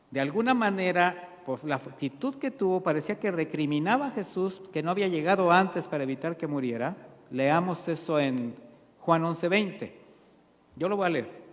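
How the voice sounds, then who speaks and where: Male pastor, sermon delivery, rhetorical questions, slightly high voice, long hall reverb. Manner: preaching with rhetorical questions and answers; addresses congregation as brothers. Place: church hall.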